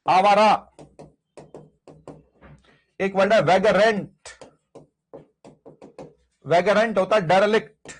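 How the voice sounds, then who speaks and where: High-voiced, slow-paced teacher. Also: male voice, husky. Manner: drills word lists by repetition, asks and answers own questions. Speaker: English teacher. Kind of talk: exam vocabulary lesson.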